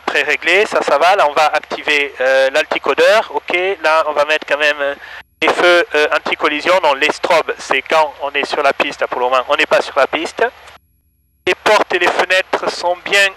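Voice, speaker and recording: A male flight instructor talking over a cockpit headset, working through checklists in a calm, methodical way. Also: a little high. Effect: pilot talking over a cockpit headset. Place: small plane cockpit. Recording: loud engine noise behind.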